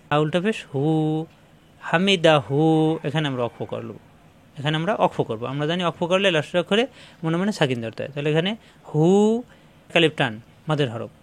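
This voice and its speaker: Man teaching slow, patient recitation. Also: on the high side, a bit bright. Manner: slow drawn-out chanted recitation between plain explanations. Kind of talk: spelled-out recitation lesson.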